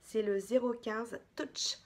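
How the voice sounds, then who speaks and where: A woman's voice: fairly high pitch, fairly even intonation, takes it slowly, a little mellow. A woman beauty vlogger chatting casually through a product haul, chatty and hesitant, with many fillers.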